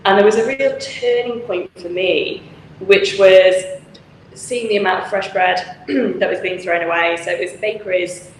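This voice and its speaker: A woman from Manchester, England, a charity founder, is interviewed conversationally over a video call, speaking frankly and chattily with frequent laughter. Her medium-pitched voice runs a little slow. The recording has echo and faint noise from the charity office, which has volunteer lockers.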